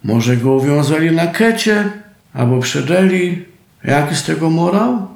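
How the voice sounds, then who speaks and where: Male Silesian folk-tale narrator, unhurried, gravelly tone, recorded in an echoey room. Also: a little high, expressive, darkish tone. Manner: homely storytelling in dialect. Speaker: storyteller.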